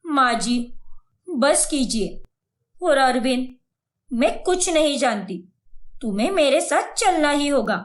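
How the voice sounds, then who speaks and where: A bold young cartoon wife scolds in a brash, high voice, as a woman acts her out. Her delivery is slow and deliberate. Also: expressive. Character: bold, fiery young wife, quick to fight.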